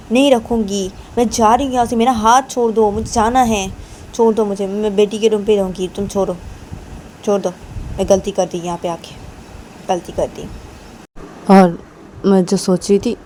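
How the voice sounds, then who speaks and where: A woman's voice: on the low side, warm tone, a little hiss or hum, lightly acted, low-quality recording. A woman voicing a hurt young woman who curtly demands her hand be let go and says she is leaving. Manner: curt, repeats demands to let go. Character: hurt, angry young woman wanting to leave.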